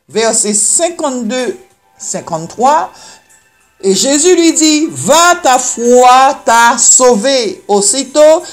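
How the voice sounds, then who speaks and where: Slow, emphatic woman preacher over faint music. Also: fairly high pitch. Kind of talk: sermon.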